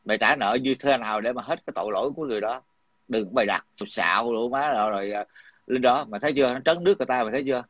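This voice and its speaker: A man's voice: mid-range voice, very fast, fairly bright tone, dry recording. A middle-aged man, talking in a heated, coarse and combative way, repeating himself. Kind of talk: heated casual talk. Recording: dull lo-fi dry sound.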